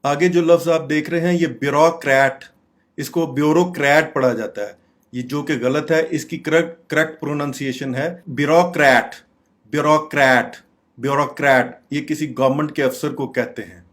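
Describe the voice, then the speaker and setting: A man teaching English pronunciation, repeating each word slowly several times. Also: on the high side.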